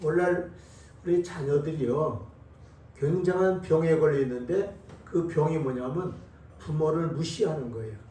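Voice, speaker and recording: A man in his eighties, a pastor, giving a sermon at an unhurried, conversational pace with pauses and fillers, recorded in a church sanctuary from a distant microphone. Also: a little high, dark tone. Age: 80s. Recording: echoey hall from far off.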